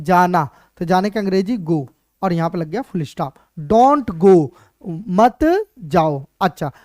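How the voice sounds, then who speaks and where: A man gives a slow, deliberate English lesson. He asks himself questions, answers them, and repeats each rule with joking asides. His voice sounds close and dry, with no room echo. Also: high voice, a little mellow. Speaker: English teacher. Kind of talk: spoken English lesson in Hindi. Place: classroom board lesson video.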